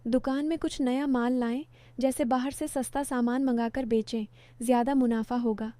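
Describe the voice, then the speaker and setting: A woman's voice: on the high side, steady tone, normal speed, mellow, clean tone, no echo, close to an everyday voice. A woman voicing a coaxing, greedy young man in a spoken story, with a persuasive, wheedling manner.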